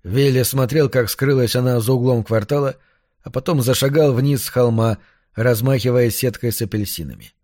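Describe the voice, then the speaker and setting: A man narrating an audiobook in a measured, even way. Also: medium pitch, no room sound, clean studio sound.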